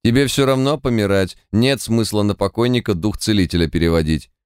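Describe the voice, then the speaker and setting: A man's voice: on the low side, fairly quick, darkish tone, smooth, no echo, clean studio sound, voice pushed up, natural voice. A man voicing a laid-back, teasing male squad leader in an audiobook. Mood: wry. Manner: offhand, teasing.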